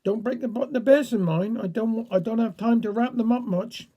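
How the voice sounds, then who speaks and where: A man's voice: very high-pitched, normal speed, mellow, lo-fi sound. A man voicing a fussing Cornish village woman who chatters in a flustered rush.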